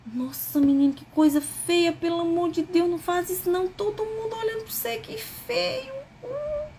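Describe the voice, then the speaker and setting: A woman's voice: normal speed, a little mellow, a little hiss or hum. A woman putting on the voice of an exasperated, old-fashioned parent who is scolding and shaming a crying boy. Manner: shrill, nagging, shaming.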